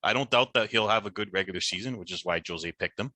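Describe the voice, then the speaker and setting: Bright, brash podcast host man. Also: on the low side, fast talker, a little hiss or hum. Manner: animated, teasing trash talk. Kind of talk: casual sports picks chat.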